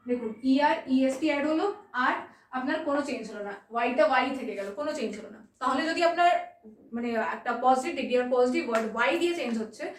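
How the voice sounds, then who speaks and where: A woman teaching a grammar lesson, patiently repeating points and checking in with quick questions. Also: sits high, far from the mic, a little hiss or hum. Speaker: exam-prep English teacher. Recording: echoey room, voice set back from the mic.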